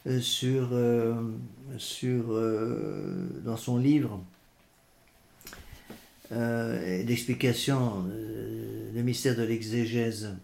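A man preaching a sermon in French and reading scripture aloud, measured and hesitant, pausing on fillers. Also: mid-range voice, steady tone, creaky, darkish tone. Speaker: priest. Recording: echoey room.

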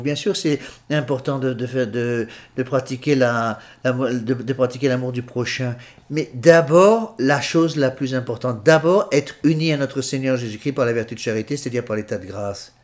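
A man's voice: medium pitch, a little mellow. A man, a priest preaching a sermon in an earnest way, often repeating and restarting his phrases.

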